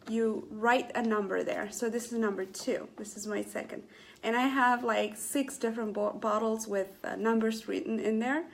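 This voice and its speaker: A middle-aged Ethiopian woman hosts a casual motivational Facebook Live stream, speaking earnestly to viewers with many fillers and restarts. Her voice is medium-pitched with vocal fry.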